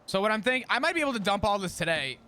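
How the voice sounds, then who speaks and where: A man streaming a roleplay game, talking casually in a deliberately flat, bland monotone. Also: high voice.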